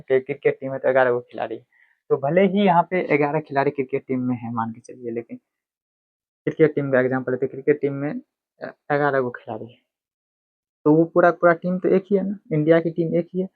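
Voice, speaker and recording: A man's voice: medium pitch, fast talker, no echo. Man teaching grammar over a tinny line. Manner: explains step by step, asks and answers his own questions. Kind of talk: classroom lecture. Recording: tinny phone-like dry sound.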